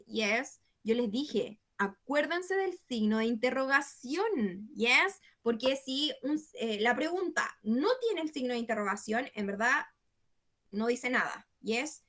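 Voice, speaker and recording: Slow, bright-voiced woman teaching. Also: a little high. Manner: checks in with a questioning "yes?" after nearly every phrase; patient, repetitive explaining. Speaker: English teacher. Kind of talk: online class explanation.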